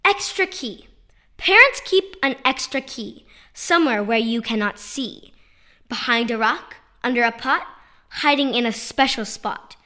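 A woman who authors children's poems reads them in an animated, unhurried way. Her voice is notably high, bright and forward, and her playful sing-song delivery puts clear emphasis on key words, like a storybook read-aloud.

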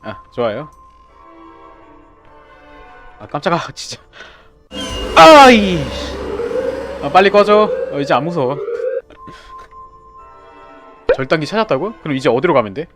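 Excitable young man streaming a horror game. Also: on the high side, normal speed, pauses often, soft background music. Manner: excitable, yelps and shouts when startled. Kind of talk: live gameplay commentary.

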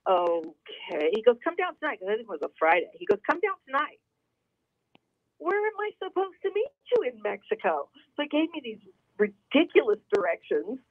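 A middle-aged woman from the San Diego area, calling in to a radio show and telling a story in a lively, chatty way. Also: no echo. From San Diego area, California. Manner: lively, chatty, quotes people with big pitch jumps. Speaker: guest caller. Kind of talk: casual storytelling on a radio call-in. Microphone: telephone. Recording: tinny phone line, dry.

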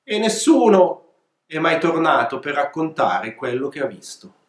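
A man voicing a chorus of frightened female goats, high and bleating, in a storybook reading. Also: big pitch swings, a little slow. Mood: scared. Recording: echoey room.

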